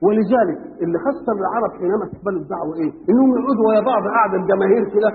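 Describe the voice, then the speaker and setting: A man with an Egyptian accent preaches in a high voice, firing words off at a breakneck clip. He keeps tossing rhetorical questions to his listeners. It is an old radio broadcast, thin and phone-like, with a long hall reverb. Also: very fast, a little hiss or hum. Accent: Egyptian Arabic. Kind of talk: sermon explaining scripture.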